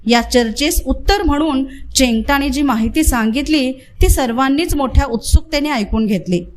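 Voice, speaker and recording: A woman narrating a village story aloud in a lively, expressive reading. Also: high-pitched, moderate pace, slight background noise.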